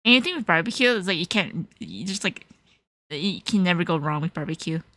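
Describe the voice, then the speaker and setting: Answering her viewers in a relaxed chat, this livestream host, a young woman from California, often laughs and moves back and forth between English and Japanese. She speaks in a fairly low, expressive, unhurried voice that sounds pushed and bright, recorded without echo.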